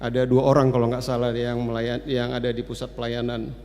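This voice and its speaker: A man of about sixty giving church announcements in a relaxed, chatty way, with many hesitant fillers. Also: medium pitch, a little fast. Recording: long reverb of a church hall.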